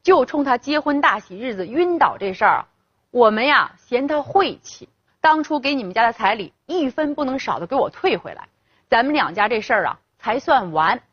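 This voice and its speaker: A woman's voice: on the high side, animated, moderate pace, slightly rough, no room sound. A woman voicing a haughty village mother who sneers and scolds. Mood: sneering. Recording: dull lo-fi, dry.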